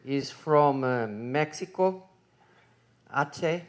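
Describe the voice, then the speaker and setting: Halting slow-talking moderator, a man. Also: on the high side, animated. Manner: halting, many fillers, self-correcting. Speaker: conference moderator. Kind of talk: introducing a speaker.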